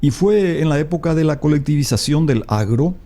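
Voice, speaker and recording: A man's voice: fairly high pitch, animated, brisk, warm tone, a little hiss or hum. A man, a guest explaining his views emphatically in a radio interview, with many hesitations. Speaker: political commentator guest.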